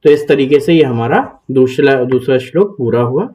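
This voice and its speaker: A man's voice: medium pitch, lively intonation, moderate pace, warm tone. A man, hosting his channel and patiently explaining and reciting a Sanskrit verse step by step. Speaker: Gita teacher, channel host.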